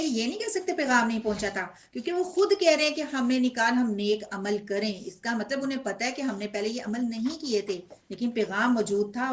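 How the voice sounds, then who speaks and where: A woman teaching a Quran lesson to a class, asking them questions and answering them in an animated way. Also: fairly high pitch. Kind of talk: religious lesson with class responses.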